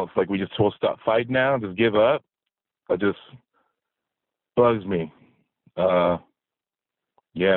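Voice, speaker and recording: A man's voice: low-pitched, no echo. A man calling into a fan radio show over a phone line, rambling and frustrated, full of fillers. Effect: radio show caller on a phone line. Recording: tinny dry phone line.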